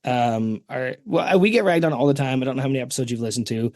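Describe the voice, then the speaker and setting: A man with a Canadian accent hosting a podcast, talking in an earnest, reflective way. His pitch is ordinary for a man, and the sound is close and dry. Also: quick pace, a little mellow, no room sound. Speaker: podcast host. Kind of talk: casual chat.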